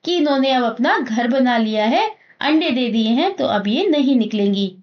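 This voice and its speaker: A woman's voice: on the high side, expressive, normal speed. A woman teacher reading a story aloud and explaining each passage in plain, simple terms. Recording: muffled lo-fi recording.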